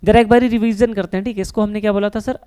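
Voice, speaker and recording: A man's voice: sits high, fairly even intonation, rapid-fire, mellow, clean tone. A male teacher giving an online chemistry lesson. He asks his own questions and answers them, and often calls the students his children.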